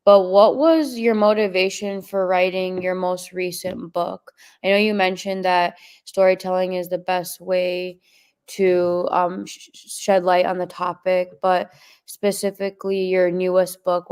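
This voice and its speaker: A woman hosts an online interview at an unhurried pace, friendly and with frequent ums. Her voice is clear and smooth and sits a little low. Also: flat delivery, a little mellow. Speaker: interview host.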